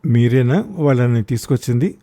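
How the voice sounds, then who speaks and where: A man voicing a hospital doctor in a measured, plain delivery. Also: medium pitch, warm tone, close to an everyday voice. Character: calm hospital doctor, grown man, matter-of-fact.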